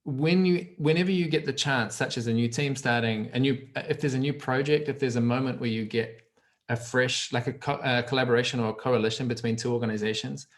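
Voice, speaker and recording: A man's voice: medium pitch, fairly quick. A man with a New Zealand accent, a trainer explaining ideas on a video call, often restarting phrases as he thinks. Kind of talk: casual explanation on a group call.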